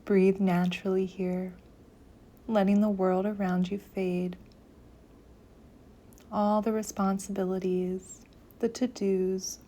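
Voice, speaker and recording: In a soft, gentle, mid-range voice, a woman guides a meditation soothingly, her phrases often trailing off into near-whispers.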